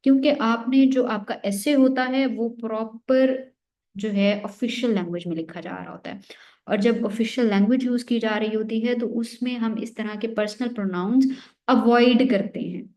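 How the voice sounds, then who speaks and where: Woman, young adult, high-ish voice, exam-prep lecturer, explains step by step, answers her own questions. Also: moderate pace, darkish tone. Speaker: teacher.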